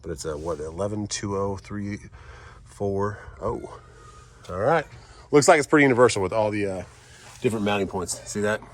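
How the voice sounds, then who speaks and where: A man's voice: on the low side, normal speed, a little hiss or hum. A man in his thirties, a trucker vlogger, talking casually to camera as he explains a job on his truck. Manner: easygoing, thinking aloud while working. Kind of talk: casual family vlog and how-to talk.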